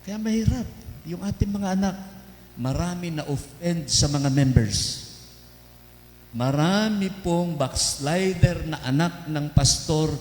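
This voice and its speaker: A man's voice: a little high, lively intonation, takes it slowly, darkish tone. A Filipino man in his fifties preaching a sermon in a church, mixing English into his talk and telling family stories with humor. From Philippines. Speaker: pastor. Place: church hall. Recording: echoey church hall with hum.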